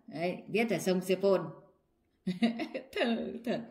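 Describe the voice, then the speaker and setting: A woman's voice: on the low side, takes it slowly, mellow. A woman, reading her old poems aloud in a casual vlog and often breaking into laughter. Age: 60s. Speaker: vlogger.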